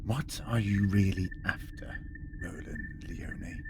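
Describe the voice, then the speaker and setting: A man's voice: lowish voice, wildly swooping pitch, takes it slowly, in a whisper, heavily acted. A man playing a shrewd time-travelling hero in a sci-fi audio drama, knowing and questioning as he confronts others. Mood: stern, accusing. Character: shrewd, probing male time-travelling alien doctor. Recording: noisy home-made recording.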